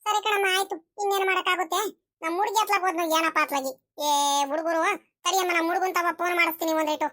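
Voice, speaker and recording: Woman as fussy old mother, cartoon, scolding, very high and quick. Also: fairly even intonation. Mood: impatient scolding. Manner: scolding, calls out loudly.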